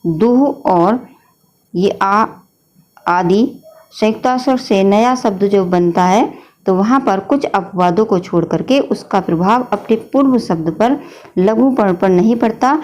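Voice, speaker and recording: A woman's voice: medium pitch, a little slow, a little mellow. A woman teacher explaining a grammar lesson patiently, often addressing her students as children. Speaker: Hindi teacher.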